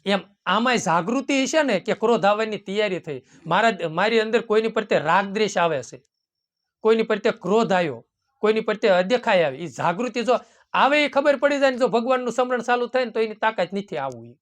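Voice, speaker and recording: High-voiced preacher. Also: male voice, lively intonation, fairly quick. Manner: folksy, keeps addressing listeners as "bapu" and "ram"; quotes devotional hymn verses. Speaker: satsang preacher. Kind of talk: devotional sermon.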